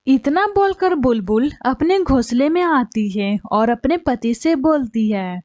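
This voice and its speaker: Woman narrating a kids cartoon, high voice, dry close sound. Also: lively intonation, a little slow, darkish tone, no echo, highs cut off. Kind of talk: storytelling narration.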